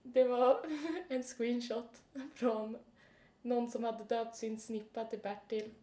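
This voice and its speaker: A woman co-hosting a podcast, telling stories in a casual, animated way and acting out quotes. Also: fairly high pitch, reverberant. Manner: animated, laughing, acts out quotes. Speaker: podcast co-host. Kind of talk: casual chat, storytelling.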